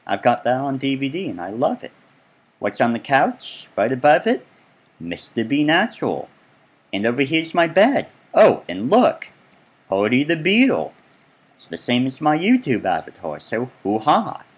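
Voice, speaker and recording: A man's voice: mid-range voice, huge pitch swings, unhurried. A man giving casual, rambling gameplay commentary as he tours his own build, full of chatty asides. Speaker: let's play gamer.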